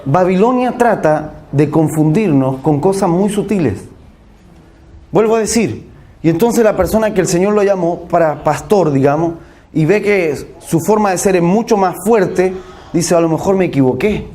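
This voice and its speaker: Male preacher with a high voice, chatty sermon delivery that keeps checking in with the congregation. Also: unhurried, mellow. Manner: conversational, checks in with listeners, acts out quoted voices.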